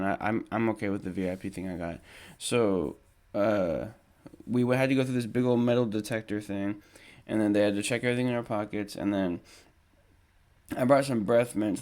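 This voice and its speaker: A man's voice: lowish voice, a little mellow. A young man hosting a podcast, telling a casual story in a rambling way with many ums and restarts while showing photos. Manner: shows photos while talking. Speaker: podcast host.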